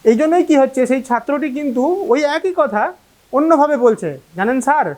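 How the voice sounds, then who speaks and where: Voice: high-pitched, a little fast, darkish tone. A teacher from gives an online class lecture. The teacher explains step by step, asks checking questions, and acts out how students talk. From Malda, West Bengal. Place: local cable TV class recording.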